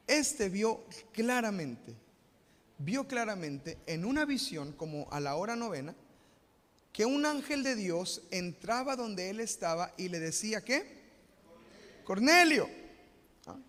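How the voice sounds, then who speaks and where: A Mexican pastor preaching live with a high, ringing voice. He often asks the congregation a question and then answers it himself. His voice echoes with the long reverb of a church hall. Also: expressive, a little slow, fairly bright tone. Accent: Mexican Spanish. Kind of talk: live sermon. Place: church sanctuary.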